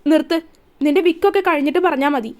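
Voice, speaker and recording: A woman's voice: sits high, fast talker, lightly acted. A woman reading as a stern young husband. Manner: firm, scolding, then tender.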